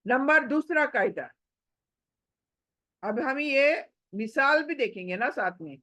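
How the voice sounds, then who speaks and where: Patient woman recitation teacher, slightly high voice, unhurried, dry close-mic delivery. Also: lively intonation, sharp tone, dry recording. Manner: slow and patient, drawing out example words, mixing in English phrases. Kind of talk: online lesson, explaining and demonstrating.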